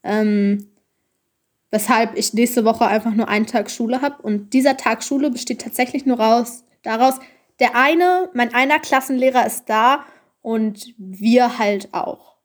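High-voiced teen girl telling stories. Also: measured pace. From Germany. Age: teens. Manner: animated storytelling, acts out voices in anecdotes. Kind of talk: casual chat.

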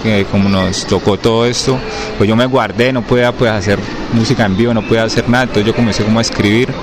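A young man from Cali, Colombia, interviewed casually as a rapper, speaks in a lowish, steady voice with a Cali accent. He answers haltingly, with frequent fillers and restarts, and keeps asking "me entendés?". Behind him is street noise with vehicles going by.

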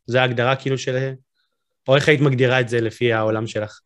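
A man's voice: medium pitch, fairly even intonation. A man hosting an interview, asking curious, musing questions with frequent fillers. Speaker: podcast host.

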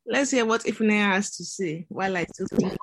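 Woman, casual panel chat, hesitant, medium pitch, dry recording. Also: fairly quick, dry recording, poor audio. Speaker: discussion panelist.

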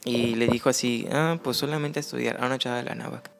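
A man's voice: mid-range voice, fairly even intonation, fast talker, creaky, a little hiss or hum. A man with a Mexican accent, chatting frankly as a podcast guest and telling stories with casual slang. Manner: storytelling, frank and conversational with slang. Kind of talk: casual chat.

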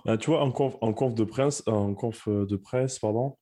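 Low mellow-voiced young man, halting. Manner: candid, halting, many restarts. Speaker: rugby player guest. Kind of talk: casual podcast chat.

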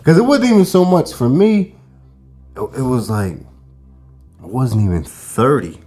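A man's voice: medium pitch, huge pitch swings, measured pace, a little mellow, faint music behind. A man in his thirties co-hosting a podcast, telling a long story in a laid-back, rambling way, with plenty of fillers and curses. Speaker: podcast co-host. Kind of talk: casual storytelling chat.

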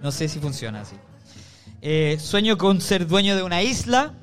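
A man's voice: high-pitched, big pitch swings, moderate pace, a bit bright, soft background music. A man co-hosting a live podcast show in front of an audience, teasing and reading notes from the crowd. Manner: playful, teasing, reads audience notes aloud. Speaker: podcast co-host.

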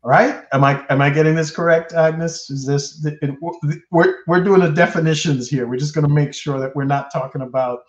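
A man's voice: on the high side, steady tone, moderate pace, few pauses. Chatty man hosting, roomy slightly dull sound. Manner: rambling, jokey, laughs between phrases. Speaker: podcast host. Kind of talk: casual podcast chat.

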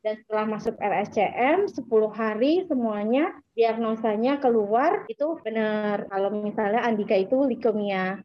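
A woman's voice: fairly high pitch, moderate pace, dry recording. A woman, giving an emotional personal testimony and retelling events through quoted dialogue. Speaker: interviewee, mother. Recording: dry, slightly muffled recording.

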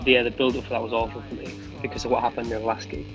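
Rambling chatty guitarist, laughs a lot. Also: male voice, mid-range voice, little pitch movement, rapid-fire, music in the background. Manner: rambling, laughs often, fond storytelling. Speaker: band guitarist. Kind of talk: casual chat.

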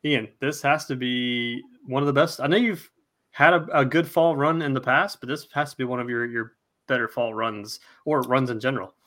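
A man co-hosting a sports podcast, introducing the topic in measured, phrase-by-phrase announcing. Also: mid-range voice, steady tone, pushed and bright. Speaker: golf betting podcast co-host. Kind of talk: podcast introduction and hand-over.

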